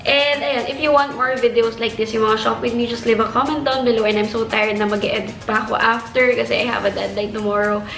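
A woman's voice: fairly high pitch, steady tone, a little fast, gravelly, hardly any pauses, fairly bright tone, echoey room, soft background music, poor audio. Chatty Filipino woman in her twenties. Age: 20s. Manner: chatty, mixing Tagalog and English. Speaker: beauty vlogger. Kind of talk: casual haul vlog. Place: bedroom, indoors.

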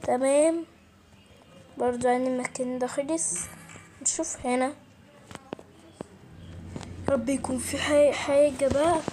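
Egyptian woman, let's-play host, high voice, jumpy nervous commentary over loud game music. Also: fairly even intonation, measured pace, long pauses. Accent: Egyptian Arabic. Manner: jumpy, startled exclamations, nervous chatter. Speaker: gaming channel host. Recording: game music clearly behind the voice.

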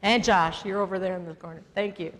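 A woman leading a children's message in a church sanctuary, gently asking the children questions. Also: fairly low pitch, steady tone, fast. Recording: long church reverb.

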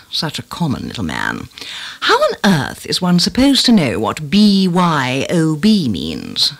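Woman putting on a snobbish posh lady, husky, swooping, haughty. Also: extremely low pitch, heavily acted. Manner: haughty, affected, sniffy. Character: snobbish posh middle-aged society lady.

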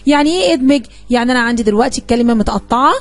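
Brisk, fairly high-voiced Egyptian woman teacher. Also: dry recording. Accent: Egyptian Arabic. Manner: coaxing, asks the class questions and answers them. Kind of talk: classroom lesson explanation.

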